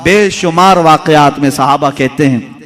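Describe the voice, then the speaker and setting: A man with a somewhat high voice delivers a sermon, telling stories and reciting devotional verse. He swings from loud, emphatic declamation to low, hushed storytelling and repeats phrases for rhythm. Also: unhurried. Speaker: Islamic preacher.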